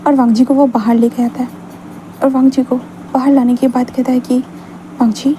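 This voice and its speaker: High-voiced woman retelling a love story. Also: level tone, brisk, mellow, a little hiss or hum, rough recording. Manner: chatty, conversational retelling. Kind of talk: casual story narration.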